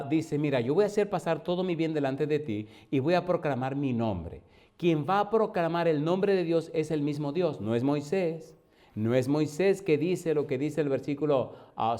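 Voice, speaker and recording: A pastor preaching a sermon, lively, asking the congregation questions and acting out short dialogues. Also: male voice, on the high side.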